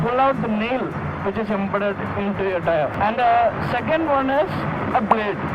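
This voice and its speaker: A man with an Indian accent talking casually from inside a motorcycle helmet as he rides and vlogs. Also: sits high. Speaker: motorcycle vlogger. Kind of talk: casual talk to camera while riding. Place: outdoors, riding a motorcycle. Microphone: mic inside a helmet. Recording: muffled helmet audio, loud road and wind noise. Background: loud wind, engine and traffic.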